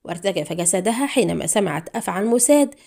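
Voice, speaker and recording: A woman narrating a spy thriller audiobook in an expressive storytelling manner. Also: mid-range voice, fast talker, creaky.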